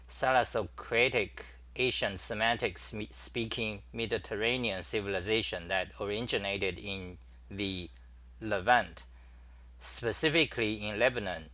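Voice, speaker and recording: A man hosting a casual livestream, demonstrating his computer workflow and greeting viewers, talking haltingly with many fillers and restarts. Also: on the low side, pushed and bright. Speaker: talk show host. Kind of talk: casual screen-share livestream.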